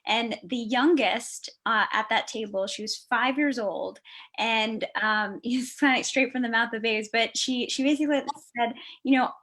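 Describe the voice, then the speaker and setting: Middle-aged woman, higher pitch, dermatologist host, emotional storyteller who restarts sentences often. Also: a little slow, a bit bright. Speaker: dermatologist hosting a panel. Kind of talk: conversational panel discussion.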